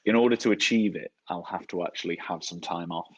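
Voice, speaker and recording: A man hosting a casual online chat, talking in a relaxed, easygoing way. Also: deep voice, a little fast, husky, no room sound, dull audio. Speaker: host. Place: at home on a call.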